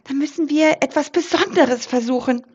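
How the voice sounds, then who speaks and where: A woman voicing a small forest mouse in a children's story, squeaking in a piping voice. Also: moderate pace, dull audio, natural voice. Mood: determined. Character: small, brave, quick little mouse.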